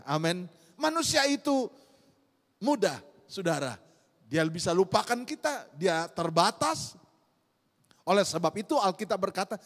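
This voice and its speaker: A middle-aged man preaching a sermon as pastor, repeatedly calling out to the congregation, moving between loud exhortation and soft, confiding storytelling. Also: high voice, in a large hall. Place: church hall.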